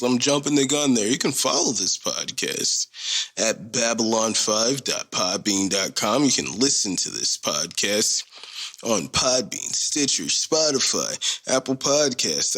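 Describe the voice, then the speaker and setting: A medium-pitched, fairly bright male voice belongs to a podcast host in his thirties. Alone on the mic, he talks in a casual, rambling, slangy, joking way.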